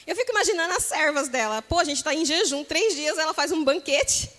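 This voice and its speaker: A Brazilian woman preaching a sermon, telling the story in a lively way and acting out the voices of the people in it. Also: sits high, a little fast, in a large hall. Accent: Brazilian Portuguese.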